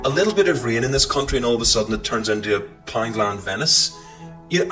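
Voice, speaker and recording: A man's voice: mid-range voice, rough recording. A man doing a snooty, pompous caller in a comedy sketch. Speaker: comedian playing a posh prank caller.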